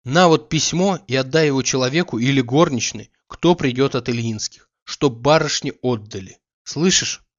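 A man reading an audiobook, voicing a fretful, easily exasperated idle gentleman who scolds in an agitated way. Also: mid-range voice, moderate pace, hardly any pauses, lo-fi sound, lightly acted.

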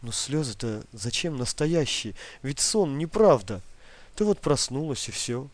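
A man voicing a gentle young grandson. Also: mid-range voice, lively intonation, unhurried, dry recording, lightly acted. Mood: soothing. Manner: concerned, soothing. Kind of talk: audiobook reading.

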